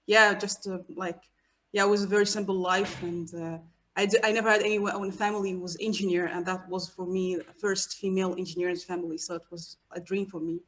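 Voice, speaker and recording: A woman from Egypt, a guest researcher, talking about herself in a casual interview with many pauses and fillers. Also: on the low side, level tone, fairly bright tone. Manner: hesitant, many fillers and restarts.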